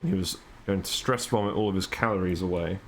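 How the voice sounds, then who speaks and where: With a low-pitched voice and a brisk pace, a man streams gameplay and offers relaxed commentary. He meanders, thinking aloud with fillers and little laughs, over faint background music.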